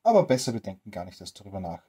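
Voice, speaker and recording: Jolly, crafty tramp, friendly and coaxing, slightly husky tone, read by a storyteller, a bedtime storybook role. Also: low-pitched, sing-song, very fast, mellow, exaggerated voice. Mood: sly. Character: cheerful cunning male tramp.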